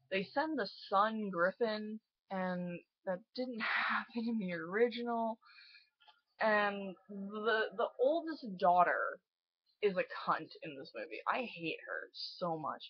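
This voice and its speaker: A woman's voice: mid-range voice, lively intonation, takes it slowly, dry recording, highs cut off. A young woman in her late teens giving a casual, profane, exasperated movie review and laughing often.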